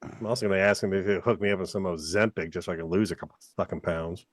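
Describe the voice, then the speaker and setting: A man's voice: deep voice, steady tone, fast, no echo. A man chatting casually as a podcast co-host, rambling and joking at his own expense with some swearing. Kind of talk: casual chat.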